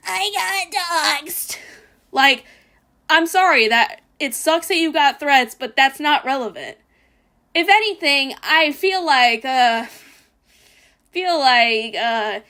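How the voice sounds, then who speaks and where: A woman's voice: sits high, sharp tone. A woman streamer giving blunt, profane reaction commentary, ranting and mocking with sarcastic mimicry.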